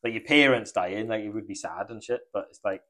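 Fast-talking sweary man. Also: lowish voice, bright, forceful tone. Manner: sweary, rambling, philosophical. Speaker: podcast co-host. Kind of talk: casual chat.

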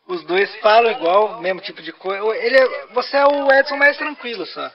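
A man's voice: high voice, animated, moderate pace, dull audio. A Brazilian man co-hosting a podcast with a half-robotic voice filter, teasing and reading out donations as a programmed machine. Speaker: podcast co-host. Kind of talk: casual banter and reading donations. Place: podcast studio.

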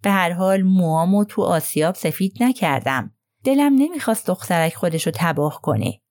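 A woman's voice: lowish voice, expressive, darkish tone, dry recording, clean studio sound, close to an everyday voice. A woman voicing a gossipy middle-aged nurse who talks in a hesitant, confiding way.

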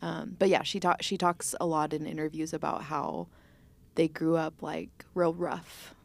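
A woman co-hosting a podcast, musing in a relaxed, casual chat with many fillers. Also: sits low, a little slow, gravelly. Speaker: podcast co-host.

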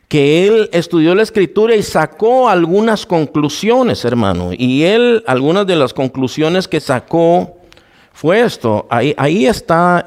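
A man delivers a sermon in with a slightly high-pitched voice. He teaches from scripture, often asking the congregation questions and addressing them as brother. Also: darkish tone. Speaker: pastor.

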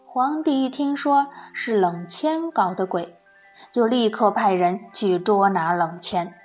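A woman narrating a children's story in an expressive, storytelling way. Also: mid-range voice, unhurried, faint music behind.

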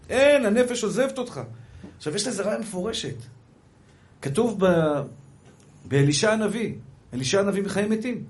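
Man, rabbi, high voice, Breslov sermon, hushed asides, loud repeated emphasis, acted-out dialogue. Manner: swings from soft murmurs to loud emphatic repetition; acts out dialogue in storytelling.

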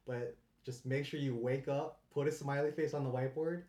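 A man's voice: mid-range voice, fairly even intonation, brisk, dark tone. A young man co-hosting a podcast in easy casual chat, laughing often. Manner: laid-back, laughs often. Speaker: podcast co-host. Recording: echoey room.

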